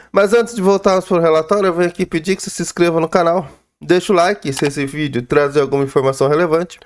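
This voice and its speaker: A Brazilian man hosts a YouTube video reviewing real-estate funds, giving informal commentary on a financial report. His high-pitched voice is affected by a sore throat and head cold, and his diction is slightly slurred.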